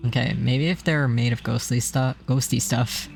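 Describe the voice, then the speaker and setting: A streamer voicing a restless, blunt young female cat in a story game, reading her lines in a flat, matter-of-fact way. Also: mid-range voice, normal speed, vocal fry, faint music behind, close to an everyday voice.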